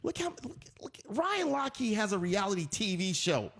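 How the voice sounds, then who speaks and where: Gravelly, lively-voiced man hosting. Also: high voice, moderate pace. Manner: animated, repeats himself, laughs loudly. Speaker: host. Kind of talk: casual talk-show chat.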